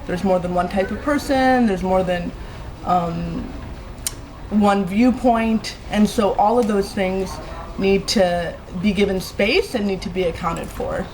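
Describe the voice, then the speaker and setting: A woman's voice: medium pitch, slow pace, darkish tone, rough recording. A woman who is a poet and community organizer, explaining her ideas reflectively in an interview. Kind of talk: interview answers. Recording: clear background noise.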